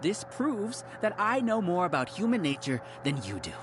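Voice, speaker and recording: An arrogant, theatrical villain scholar, swooping delivery. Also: male voice, high-pitched, sing-song, normal speed, background noise. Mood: condescending. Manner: theatrical, condescending, grandiose monologuing. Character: arrogant male villain researcher, leader of a hive mind. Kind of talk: scripted video game villain acting.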